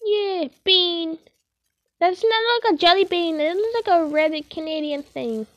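A woman's voice: extremely high pitch, unhurried, dry recording, muffled recording. A woman giving playful, rambling gameplay commentary and joking as she plays a role in the game. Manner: silly, rambling, playing a role with jokey asides. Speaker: gamer.

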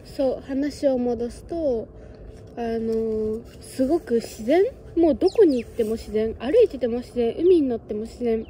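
This is a twenty-something Japanese woman vlogging her travels outdoors on a windy hilltop fortress, chatting and musing into a close phone camera and cooing sing-song at birds and cats. Her fairly high, warm voice moves a little slowly, with a little hiss or hum in the recording.

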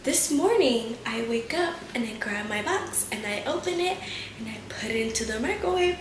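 A lifestyle vlogger in her twenties chats casually to her camera in a bright living room and kitchen at home, telling a story, venting and swearing a lot. Her slightly high voice has lively intonation and normal speed. The room echoes and there is background noise.

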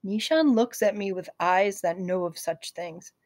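A woman narrating a novel in the first person, calm, gentle and reflective. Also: medium pitch, measured pace, no room sound. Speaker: audiobook narrator.

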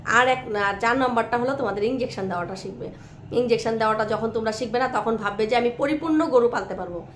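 A hoarse woman vlogging by a cowshed, chatting affectionately with her viewers and often asking if they follow. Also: fairly high pitch, fast talker, a little hiss or hum. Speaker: village life vlogger. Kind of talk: casual vlog chat to viewers.

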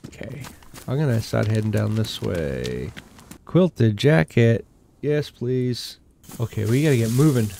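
An older New England man with a Boston accent, a gaming YouTuber, casually commentates a survival game, muttering to himself as he loots. His mid-range voice is unhurried and creaky, and he sounds relaxed. There's a faint hiss or hum in the recording.

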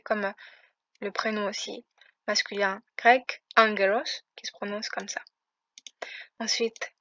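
A woman's voice: fairly high pitch, fairly bright tone, dry recording. A woman teaching a language lesson, patiently explaining pronunciation step by step. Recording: muffled, dry close recording.

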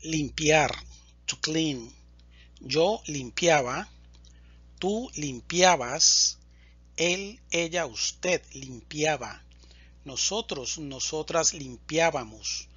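A man teaching Spanish, slowly and deliberately reciting verb conjugations in a drill. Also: a little high, a bit bright, breathy edge, no echo, highs cut off. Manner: deliberate, enunciates each word.

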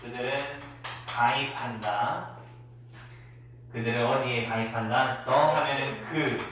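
A man's voice: medium pitch, fairly even intonation, a little slow, fairly bright tone, slight background noise. Korean guy teaching english phonics to kids, says words over and over for them to repeat, very echoey classroom, mic far off. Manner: drills pronunciation, repeating words for students to echo. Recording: roomy echo, distant mic.

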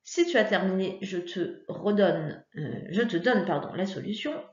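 A woman's voice: mid-range voice, lively intonation, a little slow. A woman teacher talking young pupils through a phonics worksheet in a patient, encouraging way, with frequent fillers. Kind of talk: recorded lesson for young pupils. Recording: echoey room, dull lo-fi sound.

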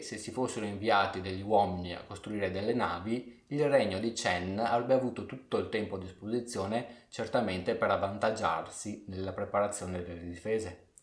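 A man narrates an ancient story in a measured storyteller's voice and throws in playful asides to his audience. His voice is low. The room around him gives it a noticeable echo. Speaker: history storyteller.

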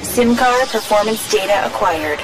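A woman's voice: medium pitch, animated, moderate pace, heavy background noise, close to an everyday voice. A woman playing an efficient onboard vehicle computer, giving clipped, procedural scripted announcements on a theme park ride. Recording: loud music behind.

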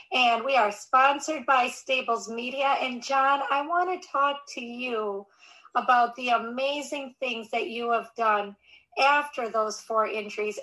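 Woman podcast host, high bright voice, polite questions. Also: poor audio. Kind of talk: interview hosting.

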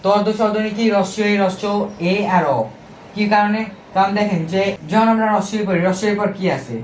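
Here a young Bangladeshi-accented man explains exam-prep content stepwise, asking rhetorical questions and correcting himself in a loose, filler-heavy way. His high voice stays fairly even in intonation and his pace is brisk, while the roomy sound carries a slight hiss or hum.

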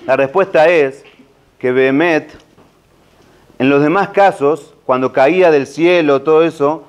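Rabbi cracking jokes in a holiday talk, fairly high voice, loose and chatty. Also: male voice, a little slow, smooth. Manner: casual, joking, many fillers.

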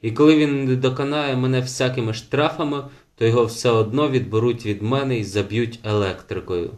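A conflicted, brusque master of the wolf-dog, as a male narrator voices him, speaking low and subdued. His voice drops below the narration, grumbling and terse. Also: brisk, a little mellow, natural voice. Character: troubled male mine owner, brusque and conflicted.

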